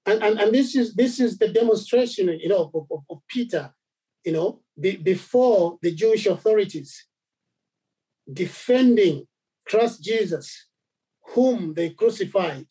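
Halting Zambian man preaching. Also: high-pitched, lively intonation, mellow, slightly rough, poor audio. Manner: halting, many repeated words and fillers. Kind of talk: sermon.

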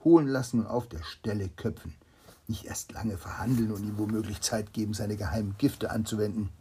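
A man reading a fairy tale aloud, voicing a ruthless, scheming royal vizier with a gravelly, husky voice. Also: fairly low pitch, steady tone, fairly quick, warm tone, slight background noise, lightly acted.

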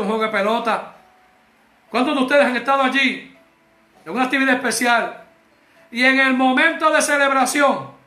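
A man preaching a sermon in a church, exhorting his listeners, calling them "beloved brother" again and again and breaking into shouts. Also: very high-pitched, reverberant. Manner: fervent, exhorting, repeats "amado hermano", bursts into shouts.

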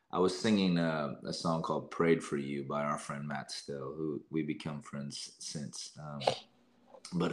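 A young man, a singer and guest, telling stories in a casual interview and often quoting himself. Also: low-pitched. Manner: lively storyteller, quotes himself often.

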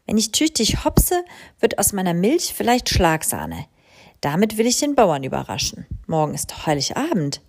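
A woman voicing a kind, energetic mother cow with a friendly, bright manner. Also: on the low side, moderate pace, exaggerated voice. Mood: cheerful.

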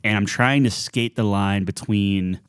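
A man's voice: on the low side, measured pace, clear, resonant tone, no echo, studio quality. A man co-hosting a podcast, joking and riffing loosely in casual chat. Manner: loose, joking, riffs and banter. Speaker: podcast co-host.

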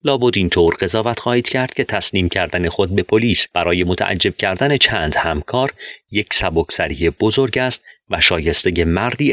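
Guy narrating a storybook, deep but crisp and forceful tone, steady measured pace. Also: dry recording, studio quality. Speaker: audiobook narrator.

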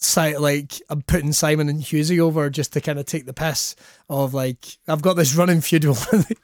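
A man's voice: a little high, steady tone, fairly quick, dry recording, studio quality. A Scottish man chatting casually, telling jokey, sweary anecdotes and acting out the lines he quotes. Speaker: wrestling commentator and guest.

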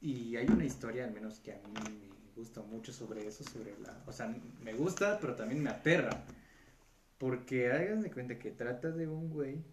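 A man's voice: mid-range voice, lively intonation, moderate pace. Man telling a story in an echoey room. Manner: casual and rambling, with slang and filler words. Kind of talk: casual chat, telling a story. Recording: roomy echo with faint background noise.

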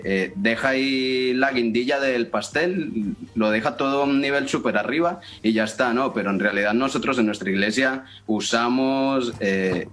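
A man with a somewhat low voice talks earnestly about rapping for his church. He speaks in a casual interview style and often pauses with fillers. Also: fairly bright tone. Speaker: church member and rapper.

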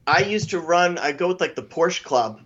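A man telling racing stories with animated, laughing delivery in a casual podcast chat. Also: on the high side, normal speed. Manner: animated anecdotes, laughing while telling them. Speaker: guest, Honda Challenge co-founder. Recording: dull lo-fi audio.

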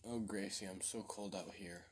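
A man's voice: sits low, fairly even intonation, moderate pace, breathy edge. A man voicing a sinister, scheming living doll with a small, sweet, pleading voice in a spoken horror story. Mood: wheedling. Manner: wheedling, pleading.

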